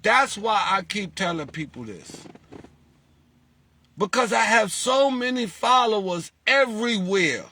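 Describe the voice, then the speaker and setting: With a high-pitched voice and an unhurried pace, a man leading a lottery group chats informally with his followers. He poses rhetorical questions and animatedly plays the parts of callers. The recording has no echo.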